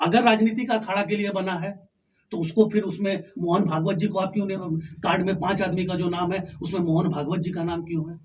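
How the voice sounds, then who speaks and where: A man's voice: sits high, steady tone, brisk, a little mellow. A man, a local party official, arguing insistently in a heated political debate and talking over his interviewer. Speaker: district-level opposition party official. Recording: distant mic with faint background noise.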